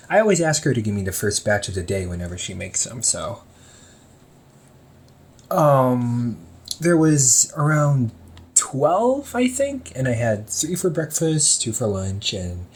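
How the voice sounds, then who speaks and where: With a mid-range voice, a man plays a chatty, teasing young older brother who runs a hobby shop. He talks one-sided to the listener in an audio roleplay, laughing often.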